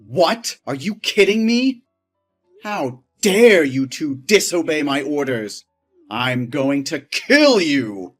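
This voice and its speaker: A man's voice: a little high, big pitch swings, faint music behind. An actor playing a domineering, wealthy husband who talks down to his wife with boastful scorn. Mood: furious. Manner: boastful, scornful, quick to rage.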